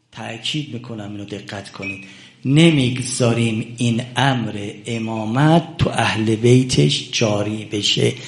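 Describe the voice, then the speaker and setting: Male preacher with a gravelly voice, impassioned sermon delivery, loud peaks and hushed asides. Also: mid-range voice. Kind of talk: religious sermon.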